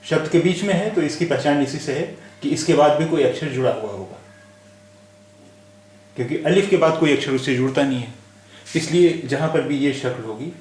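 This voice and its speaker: A man's voice: medium pitch, darkish tone, echoey room. A man teaching a spelling lesson, patiently spelling out letters and repeating each word. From India. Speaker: language teacher.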